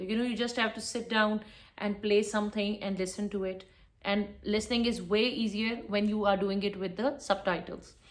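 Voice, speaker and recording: A woman giving a spoken English lesson, firm and instructive, repeating her key points. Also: medium pitch. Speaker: English teacher.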